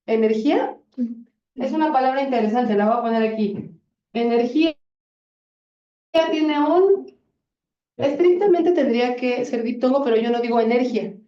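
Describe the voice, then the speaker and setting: A woman's voice: fairly high pitch, mellow, reverberant. A woman teaching a grammar lesson, asking students questions and encouraging them. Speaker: Spanish teacher. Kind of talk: classroom lesson. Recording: lo-fi classroom recording from a distance.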